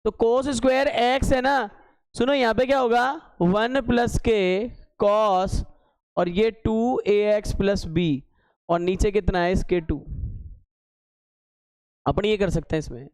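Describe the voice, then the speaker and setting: High-voiced teasing male math teacher. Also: fairly even intonation, slow, long pauses, a little mellow, clear, resonant tone, dry recording. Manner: teasing, scolding students with sarcastic asides; works steps aloud, repeating key terms as questions. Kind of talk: classroom lecture at a board.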